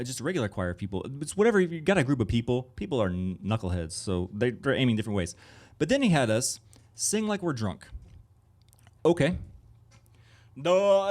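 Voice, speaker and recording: A man's voice: mid-range voice, a little mellow. A man, a music producer, giving a live conference workshop to an audience in a room, talking in a casual, rambling way full of fillers and asides.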